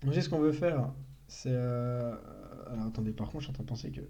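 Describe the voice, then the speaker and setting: A man's voice: medium pitch, brisk, dark tone, dull audio. A young man giving a casual live-stream coding tutorial, thinking aloud and correcting himself as he explains. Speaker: programming tutor.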